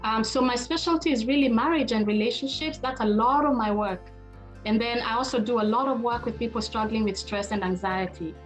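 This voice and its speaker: Speaking briskly in a fairly high voice, a Kenyan woman in middle age hosts a webinar as a marriage therapist, addressing her listeners directly and conversationally over an online call. Soft music plays behind her, and the recording quality is low.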